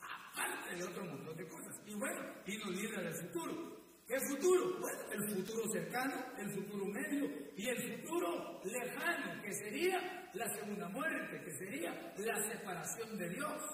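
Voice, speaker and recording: Man preaching, high voice, booming echo, far from mic. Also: sing-song, normal speed, a bit bright, a little hiss or hum. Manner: preachy, repeats words, addresses listeners as brother. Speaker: pastor. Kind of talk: sermon. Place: church hall. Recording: echoey hall, mic at a distance.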